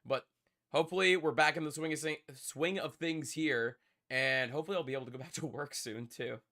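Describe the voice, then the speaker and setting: Stuffed up with a cold, a young man rambles to his live-stream chat, circling back over the same points in a casual way. He speaks fairly quickly, with a fairly high pitch and a pushed, bright quality.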